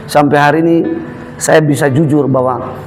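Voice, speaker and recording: A man's voice: fairly high pitch, moderate pace, slight background noise. A man preaching a sermon, telling stories with humor and acting out voices. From Eastern Indonesia. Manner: lively, humorous storytelling with mimicked voices. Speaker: pastor.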